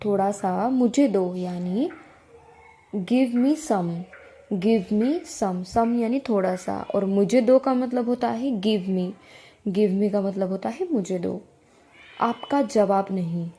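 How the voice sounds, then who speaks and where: Slow, measured woman teaching English. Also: mid-range voice, mellow. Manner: reads each sentence in Hindi, then says the English slowly twice. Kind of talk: slow English lesson narration. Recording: faint background noise.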